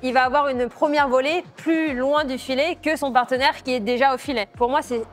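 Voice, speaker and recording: A young Frenchwoman with a high-pitched voice shares playing advice. She speaks informally, as in a relaxed tutorial between sporting partners. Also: fairly quick. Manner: informal, conversational. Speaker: padel player giving tips. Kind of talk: casual tutorial talk.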